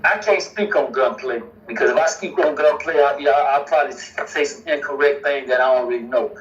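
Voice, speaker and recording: A man's voice: medium pitch, brisk. A man answering interview questions casually, hedging with "you know" and "you know what I'm saying.". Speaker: interview guest. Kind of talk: casual interview over a call. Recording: dull, distant played-back audio.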